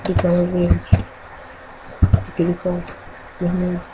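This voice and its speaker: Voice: medium pitch, completely flat delivery, takes it slowly, noisy background. A gaming channel host with a Brazilian accent, giving rambling, casual commentary while playing and thinking aloud.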